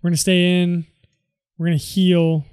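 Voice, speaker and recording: A man's voice: high voice, flat delivery, moderate pace, a little mellow, clear, resonant tone, no room sound, studio quality. A tired man mumbling casual commentary to himself as he plays a video game. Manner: mutters reactions to himself. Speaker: let's play host.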